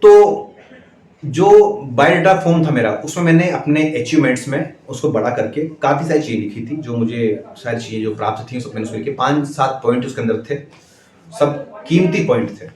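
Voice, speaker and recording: A male schoolteacher telling viewers a story in a measured, deliberate way, with steady pauses, addressing them as friends. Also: medium pitch, roomy sound. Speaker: schoolteacher and channel host.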